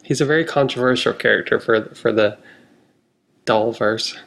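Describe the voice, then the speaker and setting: A man co-hosting a podcast in casual chat, telling things in an animated way and laughing often. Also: medium pitch, moderate pace, vocal fry. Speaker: podcast co-host.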